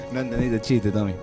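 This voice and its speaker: A man's voice: mid-range voice, mellow. A man with an Argentine Spanish accent co-hosting a casual, bantering radio chat. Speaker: radio co-host. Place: radio studio.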